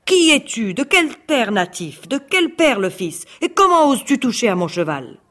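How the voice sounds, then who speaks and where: A reader voicing an enraged old tsar in a fairy tale, shouting demands. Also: mid-range voice, big pitch swings, normal speed, pitched above the performer's own voice. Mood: furious. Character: furious shouting tsar, older man. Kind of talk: read-aloud fairy tale.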